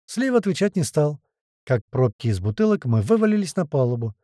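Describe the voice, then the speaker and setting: A man narrating an audiobook in the first person, with lively, slangy storytelling. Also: fairly high pitch, brisk, no room sound, studio quality.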